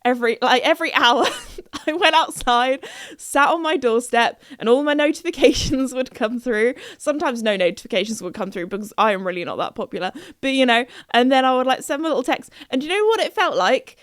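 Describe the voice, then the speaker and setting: A woman's voice: sits high, lively intonation, a little fast, a bit bright, no room sound, studio quality. A young woman hosting her own podcast, chatting casually in a bubbly way and laughing often. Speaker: podcast host. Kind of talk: casual chat.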